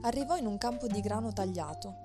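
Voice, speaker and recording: A woman's voice: mid-range voice, fast. Woman reading a storybook aloud. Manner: even, expressive read-aloud. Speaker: narrator. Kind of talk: storybook narration. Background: soft music.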